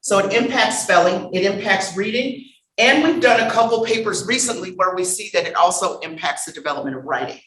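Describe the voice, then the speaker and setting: A woman giving a conference lecture, lively and humorous, bantering with the audience and calling for the next slide. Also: mid-range voice, a little fast. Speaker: conference speaker. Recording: roomy hall sound.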